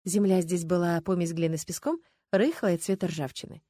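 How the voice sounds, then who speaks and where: A woman narrating an audiobook in a wry, expressive storytelling manner. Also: on the low side, normal speed, no echo, studio quality.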